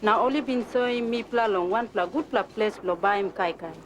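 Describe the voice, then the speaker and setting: A woman's voice: mid-range voice, brisk, a little hiss or hum, natural voice, poor audio. A woman playing an earnest advice-giver, speaking Papua New Guinea pidgin with a Papua New Guinean accent in instructional dialogue. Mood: earnest advising. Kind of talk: acted instructional Tok Pisin dialogue.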